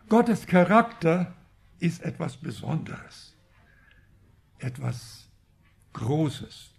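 A man's voice: mid-range voice, creaky, a little mellow. A man preaching a Bible teaching sermon, reflective and asking rhetorical questions.

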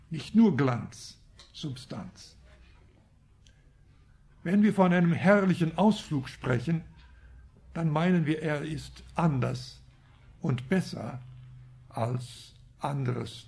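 A man's voice: mid-range voice, creaky, darkish tone. A man preaching a Bible teaching sermon, reflective and asking rhetorical questions.

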